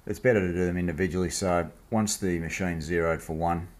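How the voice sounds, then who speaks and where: A man with an Australian accent talks in a low-pitched voice from his workshop. He explains the hands-on job casually, in an informal, blokey manner, as the host of a machining vlog. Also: fairly even intonation, brisk. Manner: laid-back, blokey, informal. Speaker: host of a machining project video series. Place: home workshop.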